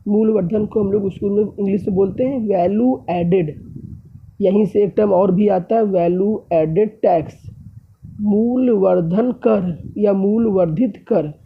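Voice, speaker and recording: A man teaches an economics lesson in a high, gravelly voice with a husky edge. He works through his examples step by step and keeps addressing his listeners as friends. The sound is thin and tinny, like a phone line. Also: moderate pace. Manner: explains step by step, often addressing viewers as friends. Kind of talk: classroom lecture.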